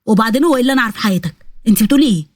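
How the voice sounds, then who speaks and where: A woman voicing a teasing, cocky teenage boy with an Egyptian accent, talking back fast in a story. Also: a little high, lively intonation, no echo, clean studio sound. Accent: Egyptian Arabic.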